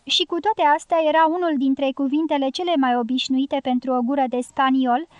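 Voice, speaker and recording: Woman reading an audiobook, measured and literary, high voice, dry close mic. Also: steady tone, no echo, lo-fi sound. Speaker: audiobook narrator. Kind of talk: scripted audiobook narration.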